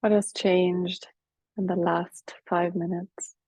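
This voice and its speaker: A woman leading a guided breathing meditation as a teacher, speaking softly and soothingly, with some cues half whispered. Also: fairly low pitch, flat delivery, husky, dry recording. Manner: soft, slow, soothing guidance with whispered cues.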